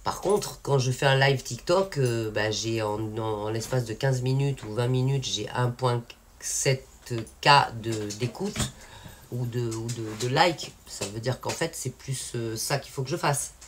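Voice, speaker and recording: A very deep-voiced woman from France speaks at a measured pace to her channel's viewers. As an independent singer sharing a casual update, she talks frankly and rambles with frequent fillers and restarts, with slight background noise present.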